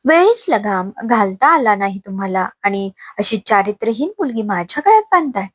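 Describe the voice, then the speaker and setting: A woman's voice: fairly high pitch, sing-song, no room sound. Woman playing a sneering cruel young husband. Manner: sneering, rapid accusations.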